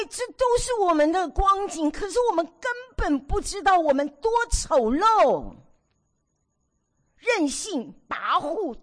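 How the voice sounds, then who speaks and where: A woman in her sixties preaching to a women's meeting, telling stories from her own marriage with animated, theatrical delivery. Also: very high-pitched. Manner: animated storytelling, acts out her own past nagging. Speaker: women's ministry speaker.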